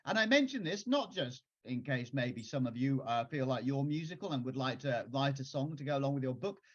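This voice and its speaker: A man's voice: medium pitch, lively intonation, brisk, dull audio. A man, a children's author, talking casually on a video call and performing his own songs and raps at a piano. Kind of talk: casual talk with singing and rapping. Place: at a piano, home. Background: piano music.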